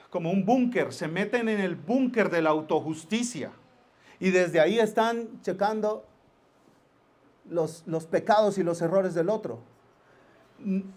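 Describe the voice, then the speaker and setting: A man preaching a sermon as pastor, telling stories and acting out little scenes as he goes. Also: high voice. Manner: lively storytelling with acted-out asides.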